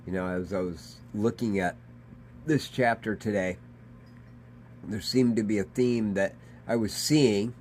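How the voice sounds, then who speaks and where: A man's voice: lowish voice, a little mellow, slight background noise. A man, a pastor, giving a conversational daily devotional sermon in an earnest manner. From Michigan. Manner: conversational, earnest, dramatizes quoted voices.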